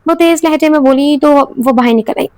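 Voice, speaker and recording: A woman reading a romance novel aloud in steady storytelling narration, sometimes correcting herself. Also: high voice, fairly quick, no room sound. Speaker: audiobook narrator.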